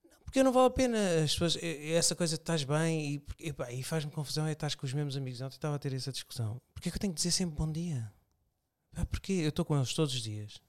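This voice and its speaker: A man with a European Portuguese accent in casual chat, blunt and peppering his talk with "percebes?". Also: fairly high pitch. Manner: blunt, talks in quick bursts with "pá" and "percebes?". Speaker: conversation partner.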